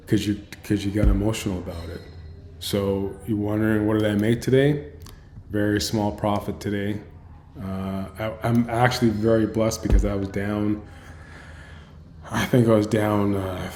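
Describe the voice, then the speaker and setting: A man's voice: lowish voice, mellow, reverberant, a little hiss or hum. A man coaching options traders in an end-of-day recap over a screen share, emphatic, repeating phrases and tagging his lines with "right?".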